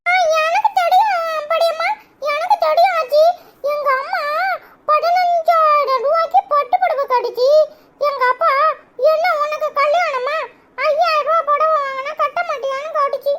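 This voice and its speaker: Lady doing a super high squeaky kid, cheeky and gossipy, kanyakumari tamil accent. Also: normal speed, heavy background noise. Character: cheeky little child, chatty and bold.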